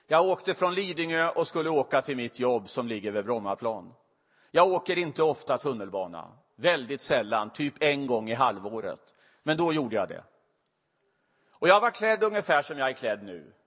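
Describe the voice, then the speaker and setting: A man's voice: medium pitch, fairly bright tone. A middle-aged man preaching a sermon, telling a personal story in a confessional way that grows emotional. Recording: long reverb of a large hall.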